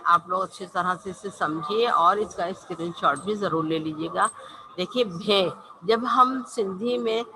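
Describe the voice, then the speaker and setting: A woman's voice: medium pitch, sharp tone, a little hiss or hum, low-quality recording. A woman teacher giving an online language lesson, patiently spelling out and repeating each letter.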